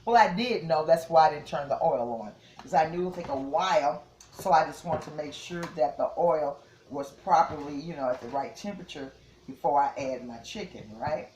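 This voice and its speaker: A home cook, a woman, talking to her viewers in a relaxed, chatty way while she works. Her voice sits a little low for a woman. The kitchen sounds roomy and echoey, with a faint hiss behind her. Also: normal speed. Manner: chatty, repeats "yes, yes" and "okay?" to viewers. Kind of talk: casual cooking demonstration.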